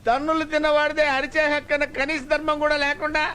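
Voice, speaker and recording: A man's voice: extremely high pitch, flat delivery, quick pace, sharp tone, slight background noise. A man playing a bumbling comic character who pleads, whines and cracks jokes, over film music. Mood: protesting. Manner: whiny, pleading and wisecracking. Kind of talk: Telugu film comedy acting. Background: film score music.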